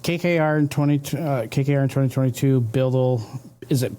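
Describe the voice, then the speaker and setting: A man's voice: mid-range voice, a little fast, dark tone, clear, resonant tone. A man hosting a podcast interview, asking questions in a casual way with many fillers. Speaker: podcast host.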